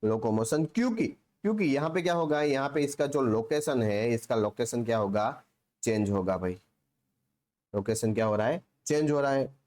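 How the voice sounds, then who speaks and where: A man's voice: mid-range voice, expressive, moderate pace, a little mellow. Man teaching biology in Hinglish. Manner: asks rhetorical questions and answers them himself; repetitive, with frequent "theek hai". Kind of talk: Hinglish classroom lecture.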